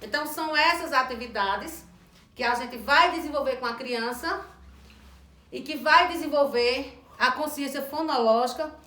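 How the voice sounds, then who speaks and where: A woman teacher trainer giving an instructional lesson, slowly sounding out words and letters. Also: sits high, pushed and bright. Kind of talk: instructional lesson on early literacy. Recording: echoey room.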